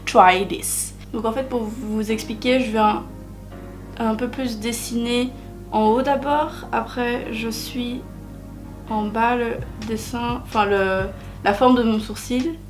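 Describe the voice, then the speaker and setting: Chatty young woman with a bright voice. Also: on the high side, steady tone, slow, faint music behind. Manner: chatty, full of filler hesitations, self-deprecating. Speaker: beauty vlogger. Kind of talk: makeup tutorial narration.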